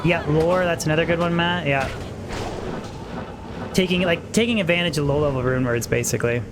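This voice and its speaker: Brisk and a little high in pitch, this male streamer offers loose, slangy, rambling commentary on his game while joking at his own expense, his voice starting to tire. Noise in the background is clearly present.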